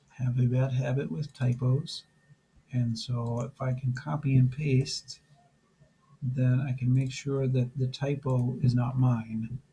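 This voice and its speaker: A man who is losing his voice, teaching a programming lesson step by step in a relaxed way with frequent fillers. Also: medium pitch, a little hiss or hum, poor audio. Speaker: programming instructor. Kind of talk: screen-recorded coding tutorial.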